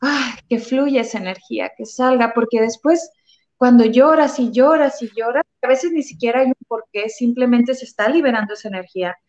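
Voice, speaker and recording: A woman with a fairly high, slightly mellow voice speaks at normal speed in a spiritual conversation, talking earnestly and emotionally about love and tears. She uses many fillers, and the recording sounds dull and lo-fi.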